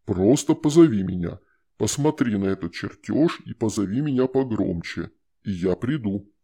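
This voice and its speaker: A man voicing a gravelly, coaxing shadow spirit. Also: lowish voice, expressive, dark tone, voice pushed down. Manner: slow, wheedling, persuasive. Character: sinister coaxing shadow spirit, female, scheming. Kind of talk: audiobook character voice.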